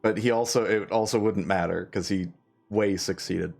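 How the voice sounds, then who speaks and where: A man's voice: deep voice, fairly even intonation, moderate pace, gravelly, darkish tone, faint music behind. A man running a tabletop game as game master, narrating with hesitant fillers and frequent laughs.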